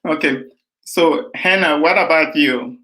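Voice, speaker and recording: A man's voice: on the high side, measured pace, pushed and bright. A man from Jamaica hosting a panel discussion, enthusiastic and talking with fillers. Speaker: host.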